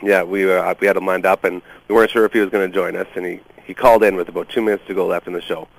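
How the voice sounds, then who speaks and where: A man, co-hosting a casual podcast and telling lively stories about his radio producer work. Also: deep voice, racing, creaky, poor audio. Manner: animated, acts out quotes of others. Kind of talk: casual chat, storytelling.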